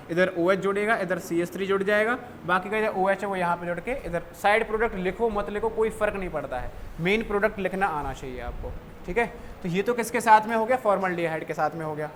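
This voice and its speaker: A young man teaching a chemistry class who keeps asking questions and answering them himself, dropping low on each answer. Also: a bit bright. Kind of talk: classroom lecture. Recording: faint background noise.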